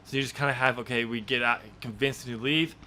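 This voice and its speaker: A man hosts a podcast about his own novel draft, chatting casually, laughing often and rambling with lots of fillers. His mid-range voice is pushed and bright, with fairly even intonation and a fast pace. There is slight background noise.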